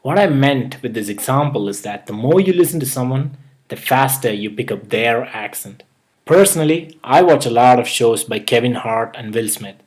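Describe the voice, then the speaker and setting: A young YouTube host with a mild Indian accent reads an earnest, scripted tutorial on his own channel, giving advice step by step in list form. His mid-range voice has lively intonation and a moderate pace.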